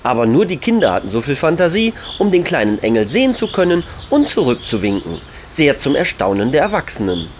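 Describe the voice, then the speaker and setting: Gentle, lively male storyteller. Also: medium pitch, fairly quick, few pauses, slight background noise. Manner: gentle, expressive reading. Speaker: narrator. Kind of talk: storybook narration.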